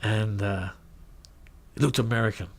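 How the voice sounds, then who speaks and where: A middle-aged man telling a career story in a casual, animated way, acting out quoted voices and trailing into asides. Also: fairly low pitch, normal speed. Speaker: guest recounting his career.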